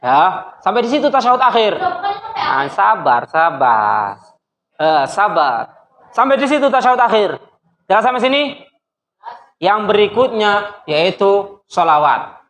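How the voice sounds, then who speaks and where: A male teacher giving a classroom lesson, lively and teasing, quizzing his students and mimicking their questions. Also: high voice, unhurried, long pauses. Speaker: religious studies teacher. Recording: echoey classroom with faint noise.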